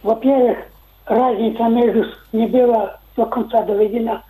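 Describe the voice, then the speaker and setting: Older male caller on a roomy phone line, mellow dark voice, stiff formal phrasing. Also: very high voice, steady tone, normal speed. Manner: formal, wordy, technical phrasing. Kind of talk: radio call-in comment. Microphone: telephone.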